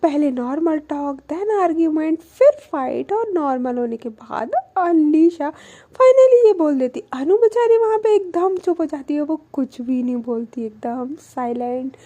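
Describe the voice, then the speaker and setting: Young woman storyteller, casual retelling, chatty, very high-pitched, soft mellow tone. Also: expressive, unhurried. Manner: chatty, mixes English into Hindi, laughs.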